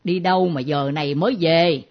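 A woman playing a fussy, easily alarmed mother who scolds her children in a comic stage play. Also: sits low. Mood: stern. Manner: scolding, excitable, quick to alarm. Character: fussy anxious mother of the household. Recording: muffled lo-fi recording.

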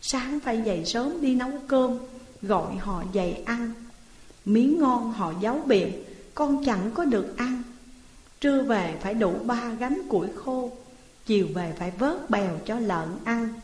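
A woman's voice: a little high, expressive, a little slow, darkish tone. A woman voicing a mistreated thirteen-year-old orphan boy who pleads tearfully, in a roomy hall reverb. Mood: grieving.

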